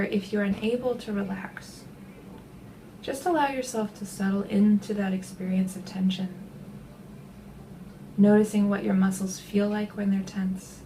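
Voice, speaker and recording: Soft and breathy at the ends of her phrases, a woman with a mid-range voice leads a body scan meditation in a calm, unhurried, soothing manner. There's a little hiss or hum, and the audio quality is poor.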